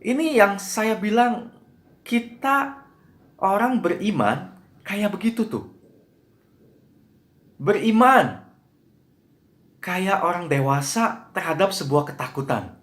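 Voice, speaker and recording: Male preacher, lively storytelling sermon, fairly high voice, roomy echo. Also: slow, pauses often. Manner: animated storytelling, acting out screaming passengers.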